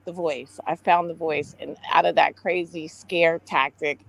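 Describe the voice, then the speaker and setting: A woman's voice: sits low, steady tone, measured pace, vocal fry, fairly bright tone, low-quality recording. A woman giving casual religious testimony in Rasta speech, exclamatory and rambling, often repeating her words. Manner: Rasta speech, with "ites", "overstand", "big up" and "brethren".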